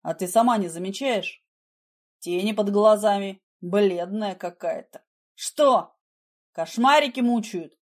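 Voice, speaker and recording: A woman's voice: mid-range voice, unhurried, a little mellow, lightly acted. A woman voicing a menacing, mocking husband in an audiobook, with a smug, taunting manner. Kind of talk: audiobook character voice.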